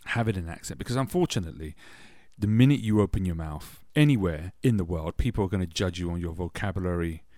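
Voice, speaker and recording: A middle-aged man with a British accent chats his way through personal anecdotes as a podcast host. His voice sits fairly low, and he drops in wry jokes at his own expense. The sound is close and dry, with no room around it. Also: quick pace, warm tone, dry recording. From England. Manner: chatty and anecdotal, with wry self-deprecating asides. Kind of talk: casual personal storytelling.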